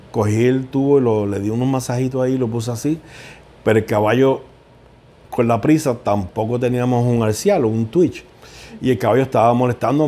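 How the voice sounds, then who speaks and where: A middle-aged man recounts memories from his work as a horse vet in an interview. His voice is dark and mellow at an ordinary middle pitch. He speaks with heartfelt feeling and keeps repeating words as he looks for the next one. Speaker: equine veterinarian. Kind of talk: emotional interview storytelling.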